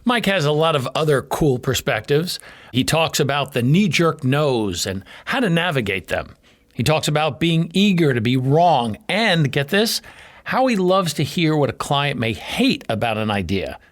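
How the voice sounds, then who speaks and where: Playful, lively-voiced male podcast host. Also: fairly high pitch, moderate pace. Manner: playful, jokey and self-mocking. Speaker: podcast host, comedian and event MC. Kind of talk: scripted podcast introduction.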